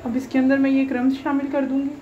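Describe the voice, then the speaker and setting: A woman's voice: high-pitched, little pitch movement, fast talker, mellow, dull audio, slight background noise. A young woman hosting a home cooking channel, explaining a recipe step by step in a chatty, homely way with many fillers. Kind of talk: casual cooking tutorial voice-over. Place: home kitchen.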